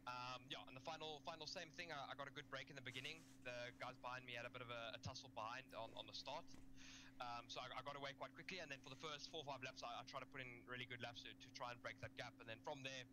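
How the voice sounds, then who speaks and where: Male driver, mid pitch, quick and stumbling, loud humming mic. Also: steady tone, noisy background. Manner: quick, repeats words as he talks. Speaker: race-winning driver. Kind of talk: post-race interview.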